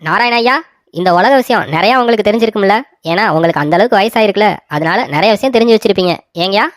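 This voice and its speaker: A smug, know-it-all village man from a cartoon story sneers and taunts, rattling off his words at a quick clip, as a woman acts him out. The voice sits close and dry, with no room around it. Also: mid-range voice, dry recording, natural voice. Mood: scheming. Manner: taunting, fast and scornful.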